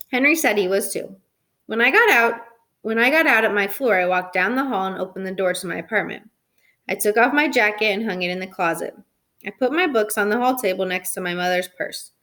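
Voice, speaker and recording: A woman reading a children's chapter book aloud in an expressive storytelling voice. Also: medium pitch, fairly quick. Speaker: reader.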